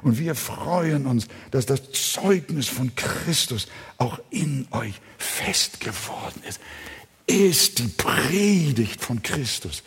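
Husky-voiced preaching man, church reverb. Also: medium pitch, lively intonation, slow pace. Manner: emphatic preaching, swelling to loud passionate stretches; addresses the congregation with direct questions. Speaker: pastor. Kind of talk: sermon to a congregation. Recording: long church hall reverb.

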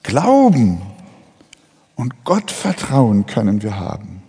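Man, sermon, dramatic delivery, lively pitch, slightly husky, long hall reverb. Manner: dramatic, acts out biblical figures with rising pitch. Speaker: preacher.

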